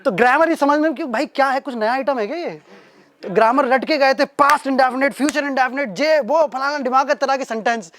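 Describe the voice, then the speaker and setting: This young man from Uttar Pradesh, India, does stand-up, and here he talks briskly in a very high voice with a slight hiss or hum on the audio. He tells an animated anecdote at his own expense.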